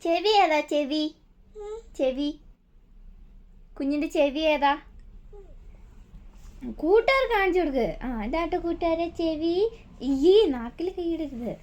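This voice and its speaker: A woman's voice: high-pitched, expressive, takes it slowly, pauses often, a little mellow. A woman with a Malayali accent, a vlogging mother who talks to her baby in coaxing, teasing baby talk and chats to viewers. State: toothache. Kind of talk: family vlog, talking to baby and viewers.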